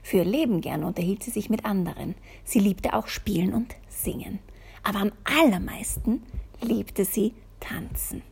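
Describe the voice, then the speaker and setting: Soft husky woman reading a picture book. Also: medium pitch, normal speed. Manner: soft, half-whispered, with playful asides. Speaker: reader.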